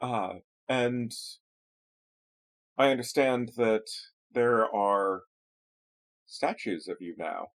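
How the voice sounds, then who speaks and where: A man's voice: medium pitch, extremely slow, long pauses. A man playing his character in a tabletop game, speaking in a polite, formal and apologetic way. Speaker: player.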